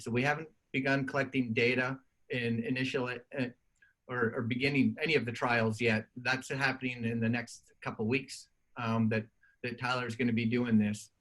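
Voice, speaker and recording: A man's voice: mid-range voice, fairly bright tone, poor audio. A man presenting turfgrass research in a webinar, in a conversational way with frequent restarts.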